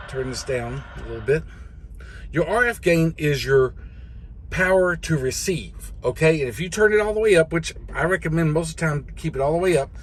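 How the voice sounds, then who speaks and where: Explaining radio controls in a casual instructional video, a trucker who hosts it talks in a folksy, rambling, hands-on style, like he's teaching fellow drivers. He has a fairly high-pitched voice, and background noise is present.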